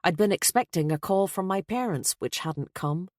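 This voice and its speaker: Low-voiced woman narrating an audiobook. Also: expressive, normal speed, a little mellow, no room sound, studio quality. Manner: wry, introspective first-person telling. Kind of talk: scripted first-person audiobook narration.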